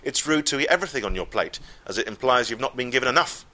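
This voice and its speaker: A man voicing his calm, stubborn wife in a live comic story, matter-of-fact in tone. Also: mid-range voice, fast.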